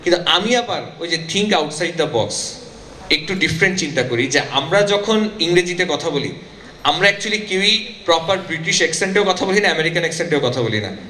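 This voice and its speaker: A man's voice: on the high side, expressive, normal speed, sharp tone, slight background noise. Emphatic Bangladeshi man in echoey hall. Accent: Bangladeshi Bengali with a Noakhali tinge. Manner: switches between Bengali and English mid-sentence; emphatic, addresses the audience directly. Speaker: motivational speaker. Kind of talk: workshop talk mixing Bengali and English. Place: workshop hall. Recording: echoey hall with faint ambience.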